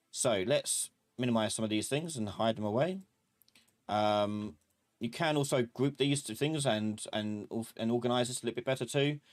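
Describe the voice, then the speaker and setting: Leading a live software lesson, this medium-pitched man talks through the steps one by one, thinking out loud in a relaxed, informal way.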